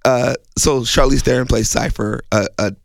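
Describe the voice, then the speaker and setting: A man, a film critic co-hosting a podcast, sounding hoarse as he gets over a cold and talking in a rambling, casual way. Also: medium pitch, steady tone, moderate pace, no echo. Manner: rambling, laughing, many fillers.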